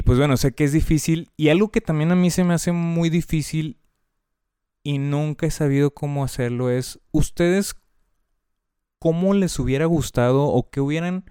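A man with a Mexican Spanish accent, speaking in a candid, slangy conversational way. His voice is smooth and resonant. The recording is dry and close, with little room sound. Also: mid-range voice, dark tone, dry recording. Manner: candid and heavily slangy, lots of filler words. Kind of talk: casual conversation.

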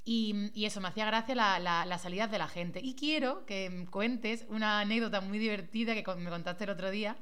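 A woman's voice: medium pitch, brisk, few pauses, clean tone. A woman hosting a casual interview, chatty and encouraging toward her guest. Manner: chatty, warmly encouraging, friendly. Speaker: host.

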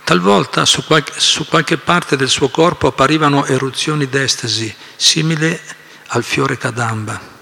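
A man reads and explains scripture to a devotional class, animated, with many asides. His voice is bright, sharp and gravelly. Long reverb trails off in the hall. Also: medium pitch. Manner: animated storytelling with frequent asides and repetitions.

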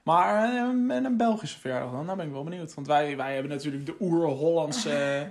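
Higher-voiced Dutchman chatting casually. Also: fairly quick, a crowd in the background. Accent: Dutch from the Netherlands. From Netherlands. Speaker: podcast guest. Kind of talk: casual chat.

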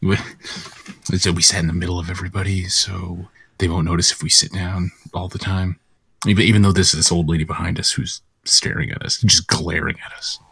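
Low, very husky male podcast host. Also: flat delivery, brisk, a bit bright. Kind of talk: casual comic banter.

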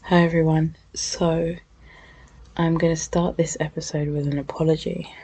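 Podcast host: low, gravelly woman, husky and croaky from a cold, candid and reflective. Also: flat delivery, normal speed. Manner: thoughtful and candid, soft breathy delivery in places. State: has a cold, sniffly.

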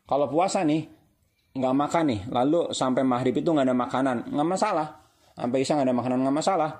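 A man's voice: mid-range voice, quick pace, a little mellow. A middle-aged man giving a casual religious talk, conversational and repetitive, asking rhetorical questions. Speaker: Islamic preacher.

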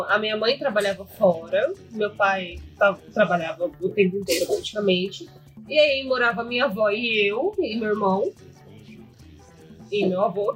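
A woman co-hosting a podcast, chatting casually with opinionated, quick-reacting banter. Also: medium pitch, fairly bright tone. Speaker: podcast co-host. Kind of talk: casual chat.

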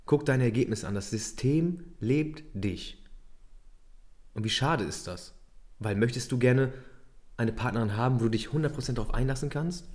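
A man's voice: mid-range voice, fairly quick. Emphatic man firing rhetorical questions. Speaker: podcast co-host. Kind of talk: casual coaching talk.

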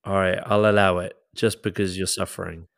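A man's voice: deep voice, little pitch movement, fairly quick, gravelly, no room sound, studio quality. A man hosting a casual football podcast, jokey and bantering with his co-hosts. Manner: jokey, banters and laughs often. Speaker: podcast host.

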